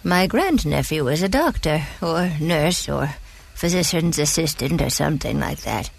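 A woman playing a kindly, folksy, devout elderly granny in a gentle, unhurried bedtime sleep story. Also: sits low, expressive, creaky, slightly rough, heavily acted. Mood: gentle, calm. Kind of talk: scripted sleep story narration in character.

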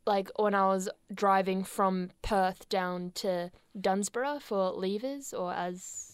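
A young Australian woman co-hosting a radio show in a studio, chatting casually with a playful, sarcastic humour and quick laughs. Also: mid-range voice, steady tone, clear, resonant tone, dry recording. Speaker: radio co-host.

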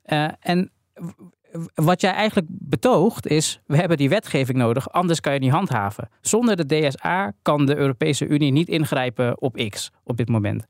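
A man on a podcast who debates calmly and explains his view step by step. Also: on the high side, dry recording, clean studio sound. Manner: measured, explanatory, with false starts.

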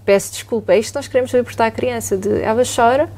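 A middle-aged woman psychologist with a European Portuguese accent, calmly explaining and often checking in with tag questions. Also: a little high, fast talker. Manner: calm, explanatory, often asks "não é?". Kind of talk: explanatory podcast talk.

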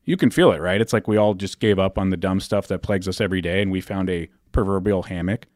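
A man co-hosting a golf podcast, delivering a wry, deadpan prepared monologue. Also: deep voice, fast talker, dry recording, clean studio sound. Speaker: podcast co-host. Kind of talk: scripted monologue.

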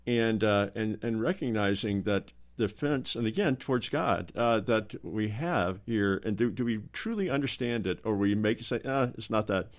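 A man with a fairly low voice talks slowly on a casual roundtable. He stumbles and restarts as he gathers his thoughts. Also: lively intonation. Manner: slow, halting, full of restarts.

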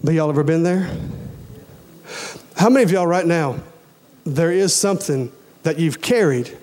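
A man in his forties with a slightly high, darkish voice preaches at a moderate pace. His folksy, emphatic sermon leans on repeated phrases, and he speaks directly to the congregation with questions and urgings.

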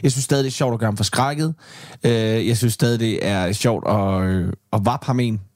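A man in his forties co-hosting a casual studio chat, telling stories with dry self-mockery, a smoker's rasp in his throat. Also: lowish voice, darkish tone, no room sound. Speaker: podcast co-host.

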